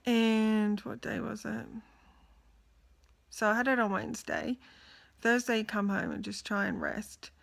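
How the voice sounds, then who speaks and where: A young adult woman vlogger records a casual personal video diary, exhausted, emotional, and close to tears. Her voice is a little high and gravelly with a fairly bright tone and lively intonation, and she speaks a little slowly, pausing often. Her delivery is tired, candid, and rambling.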